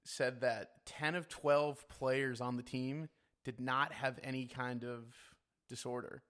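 Young male co-host, bright forceful tone, quick jokey interjections. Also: mid-range voice, fairly even intonation. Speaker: podcast co-host. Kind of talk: casual chat.

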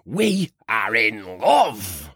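A man's voice: fairly low pitch, wildly swooping pitch, very slow, pushed and bright, breathy edge, no room sound, clean studio sound, exaggerated voice. A man playing a crude lovestruck reporter. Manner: crude, swings from whispering paranoia to gushing. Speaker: undercover field reporter.

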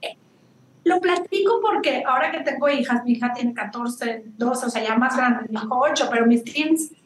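A Mexican woman in her forties tells her story as an interview guest, with a high voice and a chatty, animated manner that keeps tossing in tag questions and English words. The room sounds roomy and echoey, with a faint hiss of noise behind her. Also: moderate pace. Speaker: guest, business founder.

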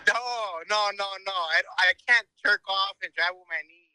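Man on speakerphone, bright and sharp. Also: sits high, fairly even intonation, smooth, no echo, poor audio. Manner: playful, teasing, quick to play along. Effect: heard over a phone on speakerphone. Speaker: caller. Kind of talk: casual joking chat. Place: car on the highway.

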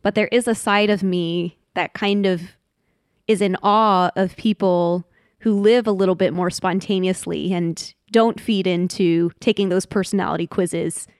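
Smooth-voiced woman, thoughtful and candid. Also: lowish voice, steady tone, no echo, studio quality. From Washington, D.C., United States. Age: 30s. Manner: thoughtful, candid, slows down on heavy points. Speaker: podcast guest. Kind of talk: reflective interview conversation.

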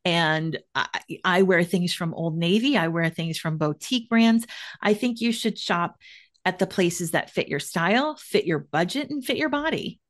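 A woman's voice: on the low side, expressive, normal speed. A woman in her forties, a wardrobe stylist, giving upbeat, emphatic advice in casual chat and repeating key points. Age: 40s.

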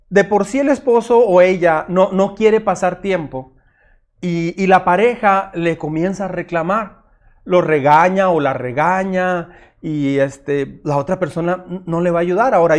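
A man's voice: high voice, moderate pace. A middle-aged man, preaching a sermon as pastor in an earnest, direct way. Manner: earnest, direct, addresses listeners as usted, acts out their objections.

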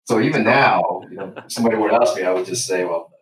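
A middle-aged man from Hong Kong, a finance executive chatting casually as an interview guest, relaxed and self-deprecating, often repeating words as he starts a thought. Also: low-pitched, quick pace. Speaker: guest, chief financial officer. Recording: distant echoey remote audio with faint noise.

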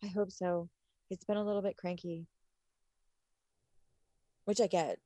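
Slow-talking podcast woman, laughs a lot. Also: on the low side, no echo. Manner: swearing, laughing, animated storytelling. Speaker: podcast co-host. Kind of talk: casual chat.

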